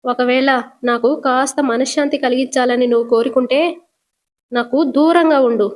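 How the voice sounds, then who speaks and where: A woman's voice: high-pitched, steady tone, normal speed, natural voice. A woman reading a bitter grieving mother. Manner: cold, curt.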